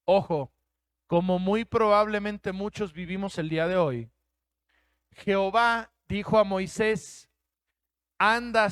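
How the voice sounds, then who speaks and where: A man's voice: sits high, clean tone, no echo, studio quality. A man with a Mexican Spanish accent preaching a sermon as pastor, emphatic, acting out quoted voices.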